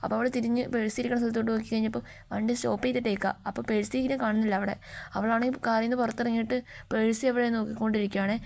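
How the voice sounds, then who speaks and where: A woman's voice: on the high side, flat delivery, vocal fry, darkish tone. A young woman chattily retelling a drama's plot for her channel. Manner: chatty, fast retelling with frequent tag words. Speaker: YouTube story explainer. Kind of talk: casual story retelling.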